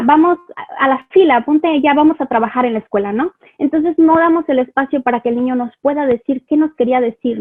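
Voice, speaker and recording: A woman with a Mexican Spanish accent teaching parents about children's language in a chatty live online talk, often checking in with rhetorical questions. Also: high voice. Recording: phone-like, lo-fi online stream audio.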